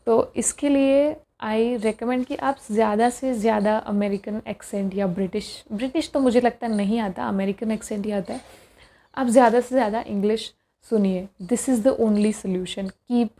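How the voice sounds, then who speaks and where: Slow, mellow-voiced young woman giving tips. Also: medium pitch, steady tone. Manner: unhurried, pausing often to gather thoughts. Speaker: test-prep tips vlogger. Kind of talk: casual spoken advice to viewers.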